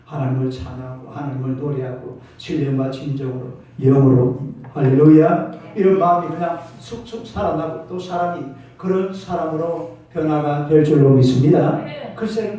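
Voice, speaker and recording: A male pastor with a high-leaning voice and dark tone preaches emphatically in a church sanctuary, calling out to the congregation for responses. The sound is echoey, picked up from far off in the hall.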